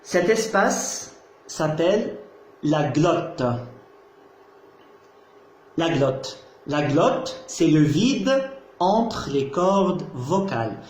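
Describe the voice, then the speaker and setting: Guy teaching a class real slow, keeps repeating stuff and asking ok?, bit of a high voice. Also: very animated. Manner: slow and patient, repeats key terms, checks understanding. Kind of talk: slow explanatory lecture. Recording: echoey room.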